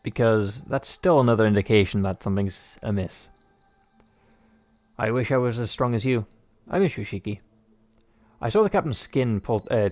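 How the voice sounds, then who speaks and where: A man's voice: on the low side, a little mellow. A man playing through a visual novel, reading the narration aloud and adding rambling, joking remarks full of fillers. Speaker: game player and narrator.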